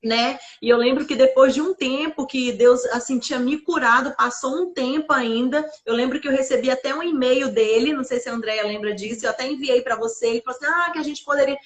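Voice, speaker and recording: Mulher de voz aguda dando testemunho. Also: female voice, high voice, fast talker, hardly any pauses. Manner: earnest, many fillers like "assim" and "né". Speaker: guest sharing her testimony. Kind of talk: emotional personal testimony.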